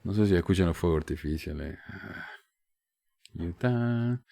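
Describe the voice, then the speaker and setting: Podcast host, male, Cordoban Argentine accent, fairly low voice, dry sarcastic asides. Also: measured pace, gravelly, mellow. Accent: Cordoban Argentine Spanish. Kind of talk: casual podcast commentary reading listener mail.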